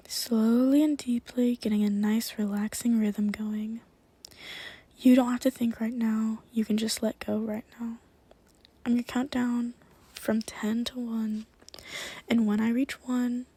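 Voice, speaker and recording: A woman leading a hypnosis induction with a slow, soothing countdown manner, in a hushed, breathy voice that drifts toward a whisper. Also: fairly high pitch, dry recording. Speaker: hypnotist performing for a live online audience.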